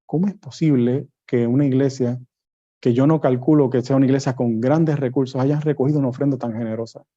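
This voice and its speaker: A man's voice: mid-range voice, steady tone, fairly quick, warm tone, highs cut off. A middle-aged man from Puerto Rico with a Puerto Rican accent, telling a personal testimony in a sermon and acting out the dialogue. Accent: Puerto Rican Spanish. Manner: storytelling, acting out quoted dialogue. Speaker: guest preacher.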